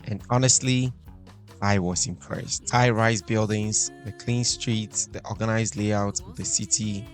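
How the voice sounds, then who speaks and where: Male travel narrator, Ghanaian accent, fairly low pitch, scripted delivery over faint music. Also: steady tone, unhurried. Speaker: travel vlogger.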